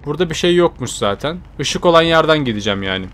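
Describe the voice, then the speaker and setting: A young man narrating his own horror game playthrough for viewers, in a voice that sits a little high. He drops to nervous muttering, then jolts into sudden yells. A faint hiss runs under the desk-mic recording. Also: animated, quick pace. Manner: jumpy, swings from muttering to startled shouts; chatty, addresses viewers directly. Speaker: gaming YouTuber. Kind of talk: horror game let's play commentary.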